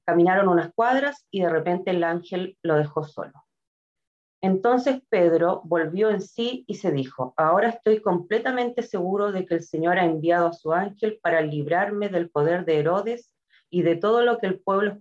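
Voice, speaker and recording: A woman reading a scripture passage aloud in a steady, measured way. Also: mid-range voice, muffled recording. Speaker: scripture reader.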